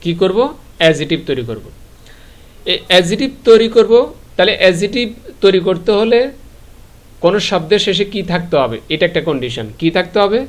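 A Bangladeshi man with a fairly high voice teaches a live online grammar class. He poses a question, waits a beat and answers it himself, spelling words out letter by letter as he goes. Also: animated, brisk, long pauses.

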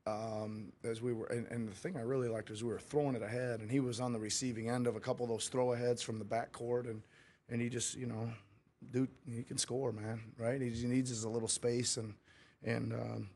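Candid middle-aged coach at a press conference. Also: male voice, medium pitch, flat delivery, a little fast, darkish tone, a little hiss or hum. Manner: candid, rambling, with frequent restarts. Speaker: head coach. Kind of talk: post-game press conference. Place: press room before a sponsor backdrop. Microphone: table mic in front of him.

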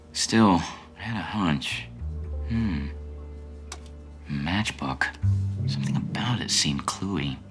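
An actor playing a brooding, slightly unhinged hard-boiled detective in a terse, deadpan noir voice-over. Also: male voice, sits low. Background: music behind the voice.

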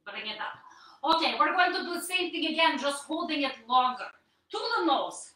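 A woman's voice: high-pitched, lively intonation, moderate pace, pushed and bright, heavy reverb, distant mic, rough recording. A woman leading a live-streamed yoga core workout in a stilted, put-on persona voice, coaxing and encouraging her viewers. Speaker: workout instructor.

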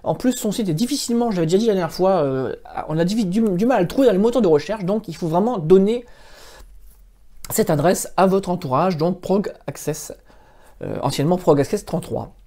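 Man with a mellow voice, rambling. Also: sits high, lively intonation, fairly quick. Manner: informal, rambling, with frequent restarts. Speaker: computer help video host. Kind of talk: casual spoken tech recommendations.

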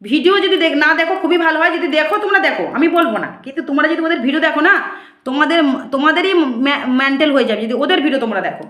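Indignant priestess lady ranting at viewers, high voice, lots of "get it?" questions, echoey room. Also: animated, rapid-fire, fairly bright tone. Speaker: temple priestess. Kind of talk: casual monologue to viewers.

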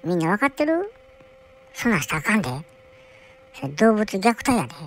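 A woman's voice: mid-range voice, very animated, brisk, lightly acted, low-quality recording. A woman voicing a bored, whiny young male polar bear cub who rambles and grumbles to himself with a Kansai accent. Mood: bored grumbling. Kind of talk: comic character monologue.

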